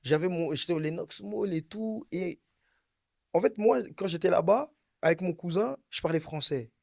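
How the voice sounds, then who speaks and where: In a casual chat, a young man from Brussels, Belgium, tells a wild story, animated and slangy, repeating his points to drive them home. His voice is a little high with vocal fry, and he talks at normal speed. The recording is close and dry with no room sound.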